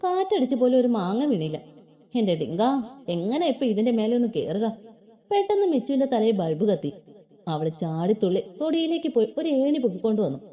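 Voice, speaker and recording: A woman's voice: a little high, brisk, dull audio. A woman reading a story aloud in a playful, colloquial way and voicing its characters. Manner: lively, playful colloquial narration.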